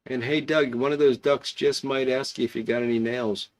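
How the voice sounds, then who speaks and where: At a moderate pace and with fairly even intonation, a man with a gravelly, creaky mid-range voice chats informally while hosting an online pipe club hangout, replying to comments from viewers as they come in.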